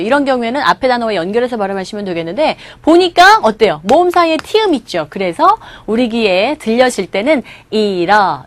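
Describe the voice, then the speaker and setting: A woman lecturing on English expressions, checking in with her students and slowly drilling each phrase's pronunciation. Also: fairly high pitch, dry recording. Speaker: English teacher.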